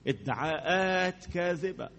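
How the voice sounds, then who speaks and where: A man with an Egyptian accent preaches a sermon. His voice is high and bright, and he stays animated, repeating words for emphasis and putting questions to his listeners. A long reverb from the hall hangs on his words. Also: unhurried, creaky, dull audio. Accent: Egyptian Arabic.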